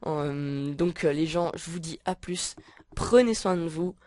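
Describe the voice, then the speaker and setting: A woman talking through a casual software tutorial, hesitant and full of filler sounds. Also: low-pitched, a little slow, no echo. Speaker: tutorial maker. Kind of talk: casual screen-recording tutorial.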